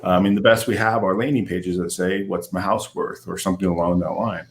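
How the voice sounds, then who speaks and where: A man's voice: low voice, steady tone, fairly quick, slight background noise. A man, a company CEO, speaking as an interview guest and explaining things at length with many "um"s and "you know"s. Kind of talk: casual business interview.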